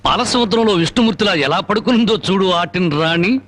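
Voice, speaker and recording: An actor playing a fiery, defiant man who thunders speeches and makes comically gruff threats in a film scene. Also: sits high, quick pace. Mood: comic bluster. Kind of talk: Telugu film dialogue. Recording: film soundtrack with loud music.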